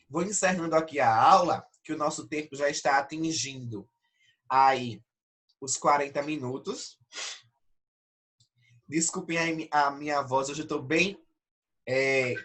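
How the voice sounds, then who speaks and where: Speaking with a fairly high pitch and fairly bright tone, this man teaches online, breaking down essay criteria one step at a time. He has a Brazilian Portuguese accent, sounds nasal from allergic rhinitis, and keeps checking that his students are following.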